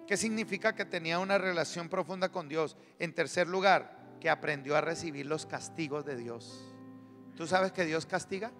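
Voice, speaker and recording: A man's voice: fairly high pitch, moderate pace, fairly bright tone. A man preaching an emphatic sermon as pastor, calling on the congregation to answer. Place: church hall. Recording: live church sermon in reverberant hall with music.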